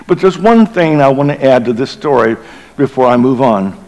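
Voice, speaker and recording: A middle-aged man, a bishop, preaching a Christmas Eve sermon and telling a story dramatically, sinking to a hushed low voice at tense moments. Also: expressive, moderate pace, low-quality recording.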